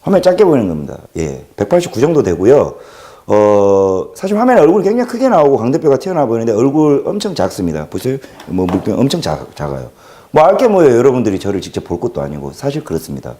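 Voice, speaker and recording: A man hosting a casual livestream monologue, talking with a Jeolla accent in an animated, joking way and swinging between loud and quiet. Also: mid-range voice, fast talker. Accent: Jeolla Korean. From Jeolla region, South Korea. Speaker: livestream host.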